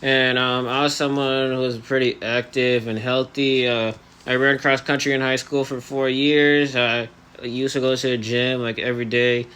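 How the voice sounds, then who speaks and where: A man's voice: mid-range voice, level tone, normal speed, pushed and bright, smooth. An eighteen-year-old man talking earnestly in a personal vlog, with hesitant phrasing and articulation slightly restricted by elastics on his jaw. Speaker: vlogger. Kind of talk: personal vlog monologue to camera.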